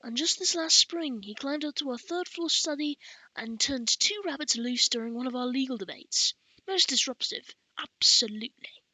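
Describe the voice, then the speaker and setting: A prim old scribe master with a fussy, pompous manner and a raised, bright voice, played by a woman. He leans hard on every complaint in an audiobook reading. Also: high-pitched, expressive, normal speed, no room sound, heavily acted, low-quality recording.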